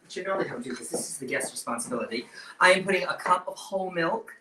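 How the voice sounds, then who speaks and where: Animated campy male cooking host, echoey and noisy. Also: high voice, fast talker. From northeastern United States. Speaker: host leading a cooking segment. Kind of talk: casual live cooking demonstration with banter. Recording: echoey, distant mic with loud background noise.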